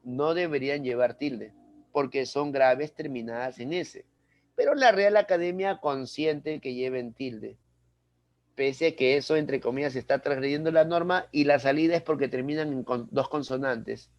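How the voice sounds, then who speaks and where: A man's voice: mid-range voice, moderate pace, no room sound. A man teaching a grammar lesson to a class, explaining step by step and often checking with questions like "right?". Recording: dry, dull lo-fi sound.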